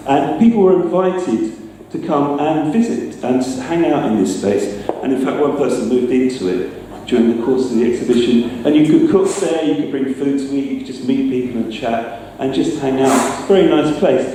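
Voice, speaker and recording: Picked up by a distant mic in an echoey room with faint noise, a man talks at a normal speed with few pauses. He is a presenter and sound effects maker giving a live informal talk with a demonstration. His medium-pitched delivery is chatty, hesitant and self-deprecating.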